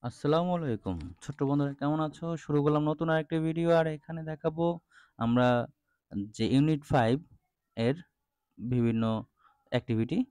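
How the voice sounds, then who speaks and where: A man explaining a primary school English lesson, spelling words out letter by letter and breaking them into syllables, slow and deliberate, with frequent fillers. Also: fairly high pitch, fairly even intonation, dark tone, clear, resonant tone, dry recording. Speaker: English teacher for young children.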